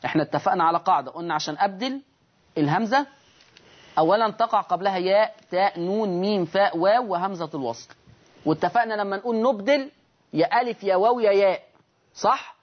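A man with an Egyptian accent and a fairly high voice, teaching recitation rules on a broadcast lesson. He stretches the example words out slowly as he recites them, then asks his listeners questions and answers them himself. The sound is a bit dull and lo-fi. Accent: Egyptian Arabic.

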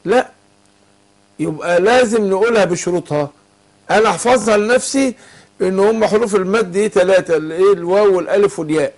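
An Egyptian man with a high voice teaches Quran recitation rules on a call-in lesson. He talks patiently and keeps prompting his student to complete each word. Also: fast talker. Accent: Egyptian Arabic. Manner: patient, asks students to fill in words.

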